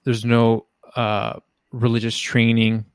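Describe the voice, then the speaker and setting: An American man hosts an interview podcast, his mid-pitched voice fairly monotone and clean in tone. He speaks haltingly, forever hunting for the right words, and the sound is dry and close with no room echo.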